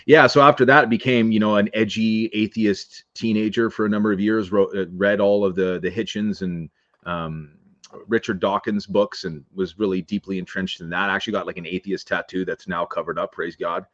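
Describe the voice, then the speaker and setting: A man's voice: low-pitched, steady tone, brisk, a bit bright, no echo, lo-fi sound. A man talking as a podcast guest in a casual interview, earnest and laid-back with many fillers.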